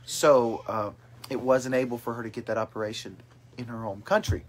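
A man in his late twenties hosts a casual family livestream chat, upbeatly reading out viewer comments at normal speed in a medium-pitched, fairly even voice. He is in a small bedroom with his brothers on a couch, filmed on a phone camera held at arm's length.

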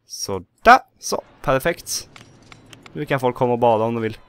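Here a man's smooth, medium-pitched voice carries a Swedish accent as he casually narrates a let's play. Talking mostly to himself, he swears when small things go wrong and erupts into excited shouts.

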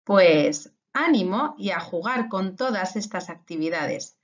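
Lively woman teacher, playful. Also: mid-range voice, measured pace, dull audio. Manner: lively, playful, reciting riddles and tongue twisters. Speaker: primary school teacher. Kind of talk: recorded remote lesson for children.

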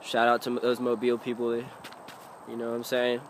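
A young man talking casually to his phone camera on a road trip, relaxed and offhand while he is a bit under the weather. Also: medium pitch, normal speed, slight background noise. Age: young adult. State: sick. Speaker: vlogger. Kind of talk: casual travel vlog. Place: car, campsite and tent. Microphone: phone held at arm's length.

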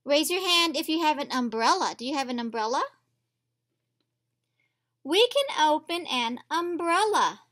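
A woman teacher reads a picture book aloud to young children indoors at a table, instructing them and asking them questions directly as part of a storybook lesson. Her high voice is very animated and fairly bright, with a measured pace and frequent pauses.

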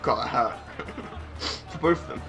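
A man's voice: medium pitch, a little slow, over music. A man casually commentating on a video game in a joking, chatty way. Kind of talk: casual let's-play commentary.

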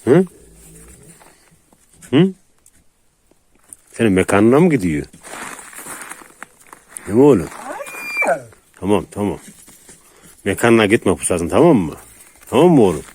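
A lowish male voice, talking casually as he calls and soothes his dogs outdoors. He coaxes, chuckles and drops to a hush to calm them. The faint hiss of an open rural yard sits under the phone recording. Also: measured pace, long pauses. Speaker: dog owner filming his dogs.

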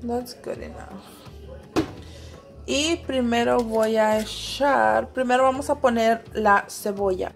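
A woman's voice: fairly high pitch, fairly even intonation, unhurried, vocal fry, over music. A young woman vlogging from her home kitchen, chatting casually and switching between English and Spanish as she cooks. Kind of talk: casual cooking vlog chat. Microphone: handheld phone camera.

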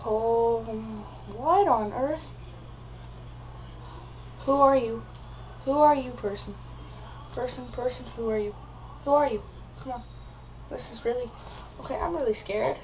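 A woman's voice: on the high side, measured pace, long pauses, a little hiss or hum, rough recording. A woman vlogger hamming it up in a comedy video, acting mock-frightened and repeating her words. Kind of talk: comedic vlog.

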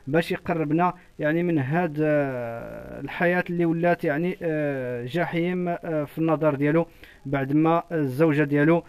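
A man's voice: fairly high pitch, a little fast, clear, resonant tone, lo-fi sound. A man with a Moroccan accent giving a live field report, hesitant and full of fillers. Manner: filler-heavy, hesitant delivery. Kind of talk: live street report and interview.

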